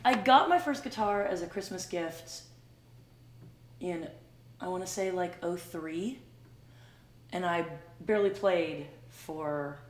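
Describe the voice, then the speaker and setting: A middle-aged woman hosting a casual chat, speaking in a halting, self-deprecating way. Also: fairly low pitch, animated, reverberant. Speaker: host, singer-guitarist. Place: small wood-paneled room at home.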